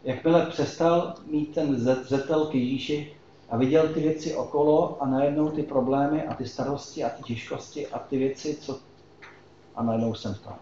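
A man's voice: medium pitch, fairly even intonation, mellow, a little hiss or hum. A man preaching a sermon in a conversational way, asking the congregation questions. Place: church hall. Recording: echoey hall, slightly dull sound.

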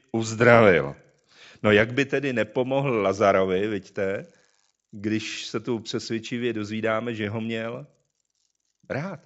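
A man's voice: on the low side, a bit bright, highs cut off. A man reading a scripture passage aloud and then preaching on it, drawing listeners in with rhetorical questions.

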